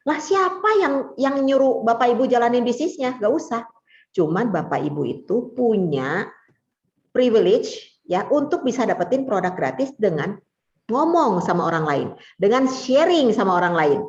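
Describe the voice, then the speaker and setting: A woman co-hosting a casual business talk, chatty and animated, often giving brief replies of agreement. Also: a little high, moderate pace. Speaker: co-host and presenter. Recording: echoey, dull lo-fi recording.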